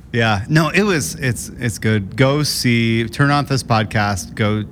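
A man's voice: medium pitch, slow pace, a little hiss or hum. A man co-hosting a podcast, chatting casually and enthusiastically, often laughing as he gushes. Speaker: podcast co-host. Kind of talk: casual chat.

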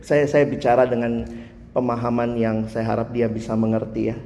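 A man's voice: mid-range voice, completely flat delivery, normal speed, warm tone. A man preaching a sermon as a pastor, talking conversationally and slipping into casual slang. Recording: long reverb in a large hall, faint noise.

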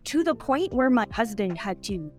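A rambling, chatty guest author from Canada fills her podcast talk with "like." She speaks at a normal speed in a fairly high, sing-song voice, and faint music plays behind.

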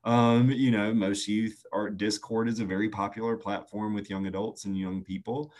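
A man speaks in an interview. He explains things earnestly and steadily. He often pauses on "um" as he thinks. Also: on the low side, little pitch movement, a little mellow. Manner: earnest, measured, frequent "um" fillers. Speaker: youth nonprofit staff guest. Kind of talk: conversational interview answers.

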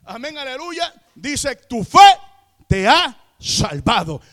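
A Puerto Rican pastor preaching with fervor, his voice sitting unusually high for a man. He scatters amén and aleluya between phrases, has the congregation repeat his words, and climbs into shouts at the peaks. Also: very animated, takes it slowly. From Puerto Rico. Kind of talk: sermon.

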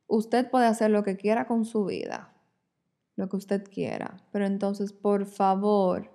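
A woman's voice: mid-range voice, measured pace, vocal fry. A woman co-hosting a podcast, chatting casually and acting out voices when she tells a story. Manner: animated storyteller, acts out quoted voices. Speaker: podcast co-host. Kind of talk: casual chat.

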